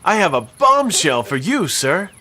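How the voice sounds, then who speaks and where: Young detective, dry sarcastic mutters, high and lively. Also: male voice, measured pace, heavily acted. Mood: wry. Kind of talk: game voice acting.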